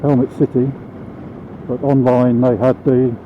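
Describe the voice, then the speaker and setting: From inside his helmet, where a small microphone is mounted, a British rider talks casually into his vlog as he goes. His mid-range voice is level and a little slow, with clear engine and road noise behind it on the phone-like recording.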